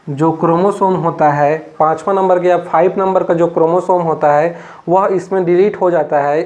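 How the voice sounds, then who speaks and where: A man from Chhattisgarh teaching a biology class, explaining step by step and repeating himself often, with many fillers. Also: a little high. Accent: Chhattisgarh Hindi. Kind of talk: classroom lecture.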